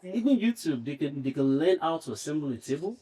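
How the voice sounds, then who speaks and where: A man's voice: a little high, sing-song, fairly quick, warm tone, husky, rough recording. A man giving upbeat advice on a panel, laughing readily as he talks. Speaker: former trades student.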